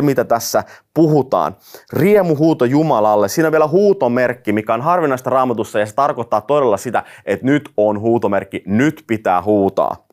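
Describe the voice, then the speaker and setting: A man preaching a sermon, reading scripture aloud and dropping joking asides. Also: medium pitch. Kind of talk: sermon teaching.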